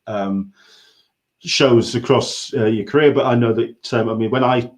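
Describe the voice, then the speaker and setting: An Englishman with an English accent hosts a casual livestream interview, chatting and telling anecdotes in a rambling, conversational way. His voice is medium in pitch and unhurried.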